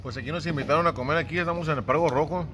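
A man's voice: fairly high pitch, very fast, very noisy. A man with a Mexican accent teasing a friend in casual chat at a seafood restaurant, laughing often. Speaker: vlogger filming a friend.

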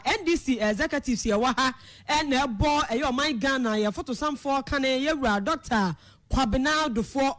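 A woman delivering a news report in a measured, steady manner. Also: sits high.

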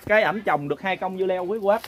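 A high-pitched, rapid-fire man with a fairly bright tone and a Southern Vietnamese accent leads a group of pilgrims. Acting as group leader and lay preacher, he tells a folksy, earnest story-sermon and keeps turning to speak directly to his listeners.

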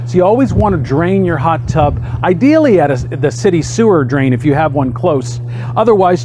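Working next to a backyard hot tub, a man in his forties walks viewers through a casual how-to, talking cheerfully and chattily as he goes. His voice leans high, and there's background noise.

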